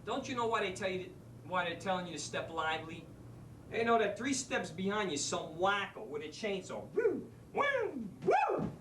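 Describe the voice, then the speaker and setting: Guy playing a new wiseguy teacher, cocky streetwise stage monologue, distant mic, faint rumble. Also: brisk, echoey room. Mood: wisecracking. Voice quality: wisecracking, streetwise, animated. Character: brash male New York street-smarts teacher. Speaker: actor in a drama school showcase monologue. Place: theater stage.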